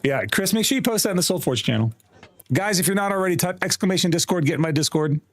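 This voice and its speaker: A man hosting a livestream in loose, crude banter, his pitch swinging high and low as he talks. He laughs often and keeps the tone playful. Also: animated, fast. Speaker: livestream host. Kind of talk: casual livestream chat.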